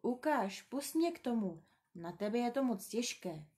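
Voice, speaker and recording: A woman voicing a grown man, a kind and worried pilot, speaking low and hesitantly in a storybook reading. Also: expressive, warm tone, natural voice. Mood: caring.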